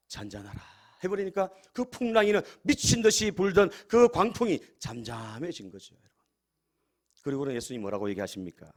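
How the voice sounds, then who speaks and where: Animated male pastor preaching. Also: mid-range voice. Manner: addresses the congregation often, asks rhetorical questions. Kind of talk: sermon.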